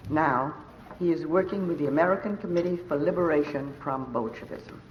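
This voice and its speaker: A woman's voice: sits low, slight background noise. Woman on an old broadcast disc, echoey. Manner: measured, formal delivery. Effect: old broadcast transcription disc sound. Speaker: mistress of ceremonies. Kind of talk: formal luncheon speech introducing a speaker. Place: large hotel ballroom. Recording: dull lo-fi old transcription disc, echoey ballroom.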